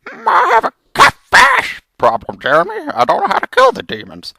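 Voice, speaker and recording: Man doing a creaky, wildly swooping frog hero. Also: extremely high pitch, huge pitch swings, normal speed, pushed and bright, no echo, heavily acted. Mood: earnest. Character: melodramatic, vengeful male frog hero telling his journey. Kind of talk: amateur comic storytelling, theatrical.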